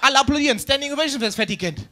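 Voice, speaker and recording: A man doing a stand-up routine on stage, brash and mocking, with quick asides to the crowd. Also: extremely high pitch, expressive, pushed and bright. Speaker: stand-up comedian. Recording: live stage with faint background noise.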